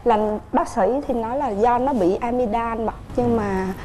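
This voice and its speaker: Southern Vietnamese woman, talk show guest, mellow earnest storytelling, a bit high, faint background noise. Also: normal speed. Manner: earnest, telling a family story at length. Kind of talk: casual chat.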